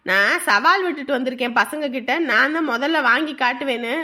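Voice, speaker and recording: A woman's voice: sits high, a little fast, pushed and bright. A woman playing a stern, lecturing young mother. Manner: firm, lecturing. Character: strict thrifty young mother, firm and lecturing. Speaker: mother, wife. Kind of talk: village family drama acting.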